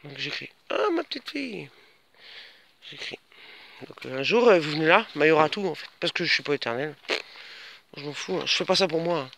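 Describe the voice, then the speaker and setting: A man's voice: fast talker, pushed and bright, a little hiss or hum. A man giving a casual, rambling walk-and-talk vlog outdoors on his rural land, defiant and chatty with his viewers. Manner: coos at pets in a much higher voice.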